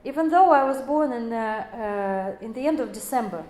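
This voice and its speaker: A woman's voice: on the high side, expressive, normal speed, darkish tone. A woman in her forties giving an explanatory lecture, speaking English as a with many fillers and self-corrections. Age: 40s. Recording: echoey room.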